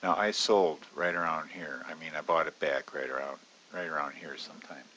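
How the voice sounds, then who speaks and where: A man's voice: brisk, sharp tone, highs cut off, a little hiss or hum. A man casually walking through an options trade on screen, chatty with many fillers. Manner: casual, chatty, many fillers, bursts into high-pitched alarm retelling panic. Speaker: options trading educator. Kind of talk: screen-recorded trading walkthrough.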